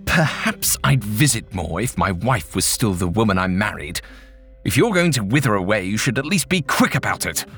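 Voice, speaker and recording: A cold, contemptuous gentleman of the manor, as a male narrator puts him on in a low voice. He speaks slowly and with open scorn. Soft music plays faintly behind him. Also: lively intonation, exaggerated voice. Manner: sneering and contemptuous.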